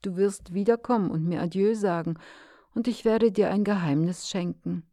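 A woman voicing a wise, gentle male fox in a storybook reading, speaking calmly and softly. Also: mid-range voice, moderate pace, no echo, studio quality, close to an everyday voice.

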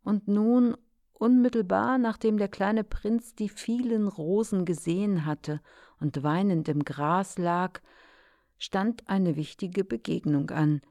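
A woman reading a story aloud in a slow, measured way. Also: medium pitch, mellow, no room sound, clean studio sound. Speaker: narrator.

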